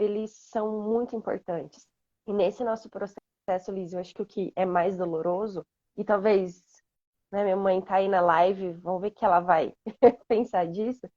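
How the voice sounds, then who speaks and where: A woman's voice: mid-range voice, dark tone, no echo, highs cut off. A woman guest speaking reflectively and earnestly about family in a casual chat. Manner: reflective, earnest, many fillers.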